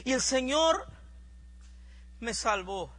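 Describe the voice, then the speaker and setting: High bright-voiced preacher telling a story. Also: male voice, lively intonation, slow. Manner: dramatic storytelling. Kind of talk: sermon testimony.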